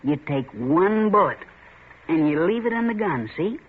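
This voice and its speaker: Heavily acted and very animated, a high-pitched, slightly rough male voice plays Red, a taunting young tough in a 1940s radio drama. At a normal speed, he swaggers and coaxes, needling his friend as a coward, over a tinny, hissy old radio broadcast.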